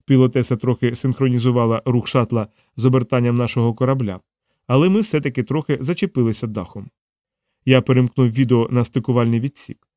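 Man, audiobook narration, mellow dark voice, dry close sound, steady measured reading. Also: mid-range voice, no echo.

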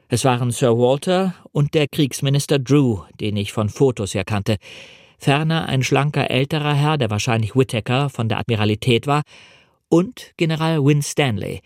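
A man narrating an adventure novel in a measured, dramatic reading. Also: medium pitch, no room sound, clean studio sound. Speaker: reader. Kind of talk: audiobook narration.

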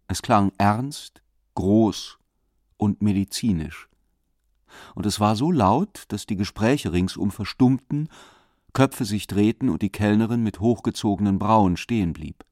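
Low-voiced male audiobook narrator. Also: dry recording, studio quality. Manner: calm, measured storytelling. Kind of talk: scripted narration.

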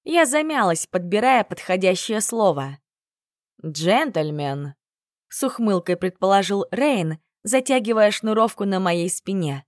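A young woman narrating a story in the first person, turning quick and high when the sharp-tongued heroine speaks. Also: no echo, clean studio sound. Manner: lively, steps up in pitch for the sharp-tongued heroine. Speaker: audiobook narrator.

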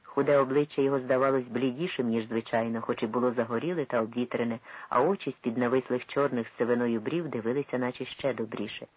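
Husky male narrator, tinny phone-like sound. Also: mid-range voice, fast talker, no echo. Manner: expressive, dramatic reading. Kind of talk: audiobook reading of a historical novel.

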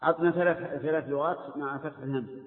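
An older man with a Najdi Arabic accent teaching a class, slowly drilling and questioning his students. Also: a little high, fairly even intonation. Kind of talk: classroom lesson. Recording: tinny old lecture tape in echoey hall.

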